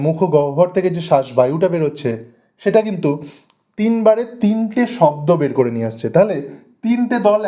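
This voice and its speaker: A man teaching a grammar lesson for exam preparation, speaking slowly and deliberately, repeating and stretching out example words, with a West Bengal Bengali accent. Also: sits high, mellow.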